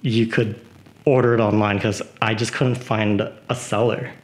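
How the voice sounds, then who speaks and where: A man's voice: lowish voice, low-quality recording. A man giving a casual tour of his houseplants at home, rambling with lots of fillers. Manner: relaxed, unhurried. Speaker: plant vlogger.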